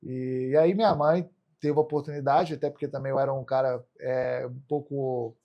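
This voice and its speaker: A man's voice: mid-range voice, steady tone, normal speed, dull audio. Brazilian man casually telling his story. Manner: colloquial, frequent tag questions seeking agreement. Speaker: podcast guest, martial arts athlete.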